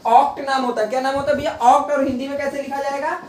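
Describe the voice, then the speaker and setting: A man's voice: very high-pitched, flat delivery, fast talker, slight background noise. A male chemistry teacher giving a classroom lecture, asking rhetorical questions and answering them himself, repeating key terms. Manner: rhetorical call-and-response questions. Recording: echoey room, voice from a distance.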